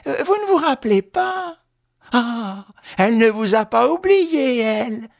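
A man's voice: medium pitch, normal speed, no room sound, studio quality, pitched above the performer's own voice. A man putting on a honeyed, scheming woman. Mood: falsely sweet. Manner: honeyed, ingratiating, then flatly callous. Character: scheming middle-aged woman, falsely sweet then cold.

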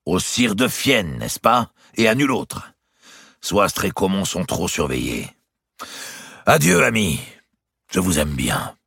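A man's voice: deep voice, very animated, slow pace, creaky, pauses often, a bit bright, husky, dry recording, studio quality, voice pushed up, heavily acted. A man voicing a boisterous scheming nobleman, commanding and mocking in a storybook reading.

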